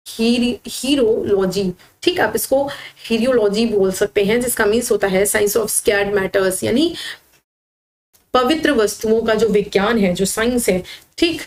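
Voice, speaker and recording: A woman teaching vocabulary with slides, patiently explaining and slowly spelling words syllable by syllable. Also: mid-range voice. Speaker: English teacher for exam prep. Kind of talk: slide-based lesson.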